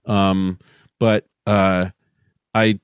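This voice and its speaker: A middle-aged podcast co-host and amateur short story writer mixes dramatic story reading with casual podcast chat. His deep voice is flat and draws out words, recorded close to the mic on smooth, slightly dull audio with no room sound.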